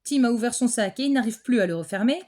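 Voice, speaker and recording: A woman reading a children's picture book aloud in a clear, gentle storytelling manner. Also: on the high side, fast talker. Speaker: storybook reader.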